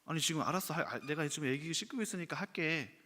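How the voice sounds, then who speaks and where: A man acting out a young wife who softly dodges conflict and placates her husband. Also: fairly high pitch, fast talker, big-room sound. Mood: flustered. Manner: soft, evasive, placating.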